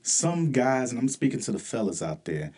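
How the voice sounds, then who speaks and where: A man's voice: mid-range voice, sing-song, normal speed, warm tone, breathy edge. A man co-hosting a casual relationship podcast, talking in a rambling, laid-back way with slang and stammered restarts. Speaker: podcast co-host.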